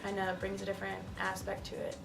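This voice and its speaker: A woman's voice: medium pitch, monotone, quick pace, vocal fry, music in the background. A young woman, a college senior, speaking hesitantly with fillers in a documentary interview. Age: young adult. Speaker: student. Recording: echoey, distant from the mic.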